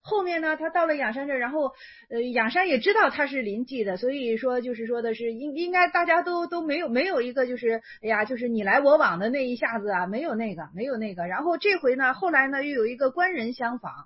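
A woman's voice: sits high, lively intonation, fast, breathy edge, highs cut off. A woman explaining an old Chan koan in a casual lecture, thinking aloud and correcting herself as she goes. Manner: thinking aloud, self-correcting, many fillers.

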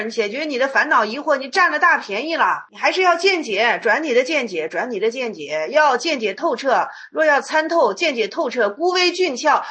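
A woman's voice: high-pitched, bright, forceful tone. A woman teacher giving a colloquial dharma talk on Chan koans, repeating herself and acting out the dialogues. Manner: colloquial, repetitive, acts out dialogues. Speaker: Buddhist teacher.

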